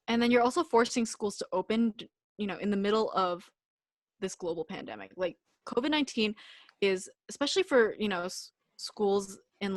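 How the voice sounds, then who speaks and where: A woman's voice: medium pitch, no room sound. A young woman co-hosting a casual podcast, speaking emphatically and repeating words for stress. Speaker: podcast co-host.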